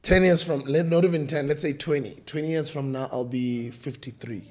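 A man's voice: fairly high pitch, steady tone, moderate pace, a little mellow. A man in his forties with a South African accent, hosting a casual interview in a small studio, playful and laughing often. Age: 40s. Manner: laughs often, playful, switches into Zulu phrases. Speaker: podcast host. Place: small studio room with table. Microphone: desk mic on boom arm.

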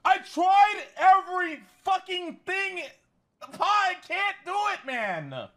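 A man's voice: very high-pitched, very animated, slow, bright, forceful tone. An exasperated male game streamer ranting live, pleading and repeating himself. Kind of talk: live gameplay rant.

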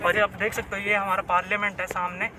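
A young adult travel vlogger from Bihar talks fast in a high, flat voice, casual and chatty, repeating himself and dropping in English words. Holding the phone at arm's length, he records outdoors in the city and then in a moving car, with loud city traffic behind him.

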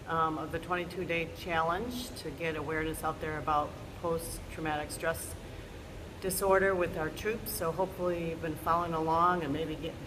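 A middle-aged woman talking casually to camera as the host of a fitness challenge, giving simple instructions in a large gym. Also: sits low. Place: large indoor gym studio. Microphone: camera a short distance away. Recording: noisy, large gym room ambience.

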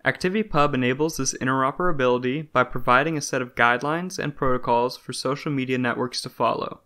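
Male narrator, mid-range voice, even scripted explainer read. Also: mid-range voice.

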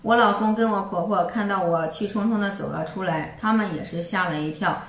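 A woman's voice: medium pitch, fairly quick, recorded from a distance. Woman telling a story in an echoey room. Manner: plain, conversational retelling. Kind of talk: first-person story narration.

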